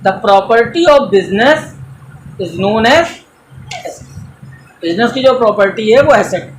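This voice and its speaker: A man's voice: high voice, lively intonation, takes it slowly, reverberant, slight background noise, poor audio. A man teaching an accounting class in a coaching centre, lecturing in a mix of Hindi and English and quizzing students with everyday examples.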